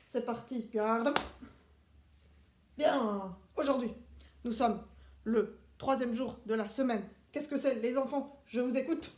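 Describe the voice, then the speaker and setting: A man's voice: very high-pitched, takes it slowly, long pauses, a little mellow. A man playing a strict male Swiss soldier who teaches children with clipped, barked commands, recorded in a roomy space. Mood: drilling. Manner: barking commands, clipped and precise. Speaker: stand-in teacher. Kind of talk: playful classroom role-play. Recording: roomy echo.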